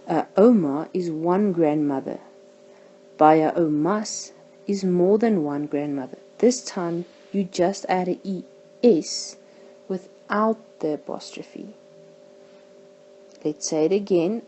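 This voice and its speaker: Slow, mellow-voiced woman teaching a language. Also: on the low side, slight background noise, rough recording. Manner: slow, careful pronunciation of example words. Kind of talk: scripted language lesson.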